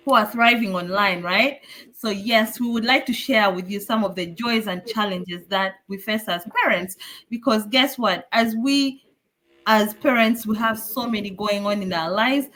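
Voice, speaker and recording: A woman's voice: mid-range voice, measured pace, fairly bright tone. A woman from Uganda hosting a live online talk show in an upbeat, welcoming way. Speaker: host.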